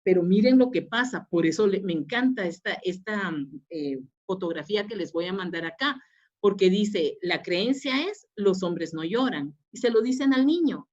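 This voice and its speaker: A woman lectures on a webinar as a psychologist. She explains things step by step, often pausing on fillers and restarting her sentences. Her voice sits in a middle pitch and comes through muffled, lo-fi audio. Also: lively intonation, a little mellow.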